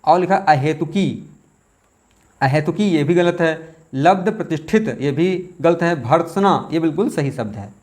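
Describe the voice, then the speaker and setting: A man teaching, working through exam questions aloud, repeating words slowly as he thinks aloud. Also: a little high, expressive, a little mellow. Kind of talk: test question walkthrough.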